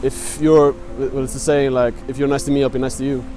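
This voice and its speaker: A young man, a student answering a street interview in halting, searching English. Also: medium pitch, little pitch movement, mellow, soft background music. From Iceland. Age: young adult.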